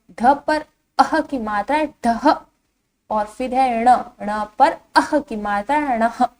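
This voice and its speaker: A woman teacher giving a patient lesson to young children, saying each syllable clearly and asking the class to repeat it. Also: fairly high pitch, a little mellow. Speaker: primary school teacher. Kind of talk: slow online Hindi lesson for young children.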